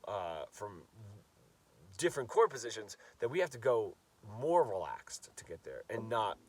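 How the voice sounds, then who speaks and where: Recorded far from the mic, a medium-pitched guitar coach, congested with a cold, runs a casual lesson. He demonstrates as he goes, his talk loose and full of repeated words.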